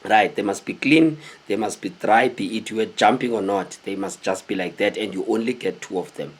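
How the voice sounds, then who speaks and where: In a small indoor room with a cloth backdrop, a South African man in his thirties casually tells the camera stories of his military service. He's animated and conversational, often posing questions to viewers. His lowish, slightly rough voice moves at a moderate pace.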